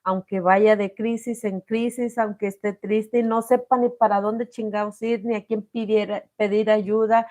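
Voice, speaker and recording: A woman's voice: medium pitch, little pitch movement, normal speed, hardly any pauses, darkish tone. A middle-aged Mexican woman giving a heartfelt personal testimony, calling her listeners "corazón". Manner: emotional, addresses viewers as corazón. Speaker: host sharing testimony.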